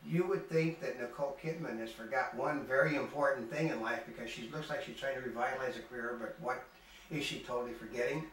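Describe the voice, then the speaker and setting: An older man reporting on a film festival in casual chat, rambling and halting with many restarts. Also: medium pitch, fairly bright tone. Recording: echoey room from far off, faint ambience.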